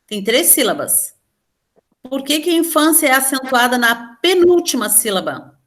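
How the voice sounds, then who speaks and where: A woman's voice: high voice, big pitch swings, normal speed, a bit bright. A woman teacher with a Brazilian Portuguese accent, patiently explaining a grammar lesson step by step and questioning her students. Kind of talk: online class lesson.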